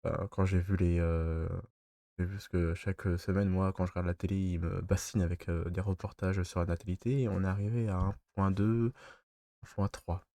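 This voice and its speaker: A man with a congested, stuffy nose talking through a face mask, alternating between reading news and casual, halting commentary. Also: low-pitched, flat delivery, dark tone, dry recording, clean studio sound. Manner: hesitant, halting when off script. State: sick with a blocked nose. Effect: speaking through a face mask.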